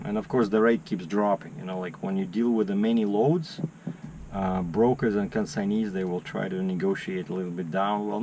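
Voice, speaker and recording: Over a noisy background, a truck driver whose first language is Russian vlogs in casual chat, telling stories animatedly and acting out his phone calls. His voice sits on the low side.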